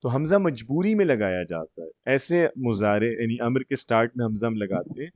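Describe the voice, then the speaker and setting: A man's voice: mid-range voice, animated, a little mellow, no room sound. Patient man tutoring grammar, dry sound. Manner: explains step by step, checks understanding often; slows down to spell out example words. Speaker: Arabic grammar teacher.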